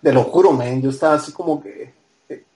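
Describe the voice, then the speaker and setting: Man, guatemalan accent, fairly high voice, casual storyteller, acts out the dialogue, tags lines with "ah". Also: fairly quick, mellow. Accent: Guatemalan Spanish. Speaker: podcast guest storyteller.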